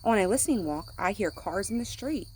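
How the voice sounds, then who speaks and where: Speaking simply, like a teacher to little ones, a woman reads a picture book aloud and acts out its sound words. Her mid-range voice is expressive and brisk, with a breathy edge.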